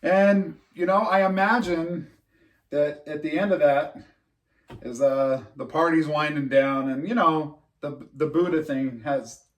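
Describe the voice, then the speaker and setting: A man's voice: fairly high pitch, unhurried, far from the mic. A man co-hosting a podcast in casual chat, rambling and laughing at his own jokes. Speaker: podcast co-host.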